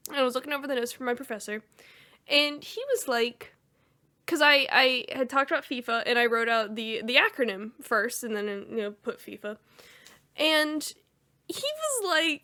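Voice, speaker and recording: Young woman, podcast co-host, chatty, rambling, somewhat high voice. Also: bright, forceful tone. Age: young adult. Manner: chatty, rambling, laughs often. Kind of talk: casual chat.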